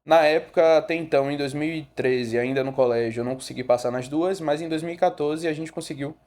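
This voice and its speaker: With a high-ish voice and a quick pace, a young photographer from Rio de Janeiro tells his story in a laid-back podcast conversation, dotted with fillers and self-corrections. His accent is Brazilian Portuguese from Bahia.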